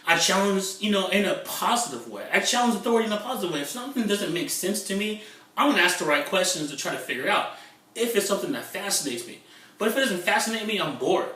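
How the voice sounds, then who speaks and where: Excitable rambling man in an echoey room. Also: high-pitched, quick pace, distant mic. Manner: excitable, rambling, repeats himself. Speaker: internet marketing vlogger. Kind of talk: casual vlog monologue. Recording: echoey room, away from the mic.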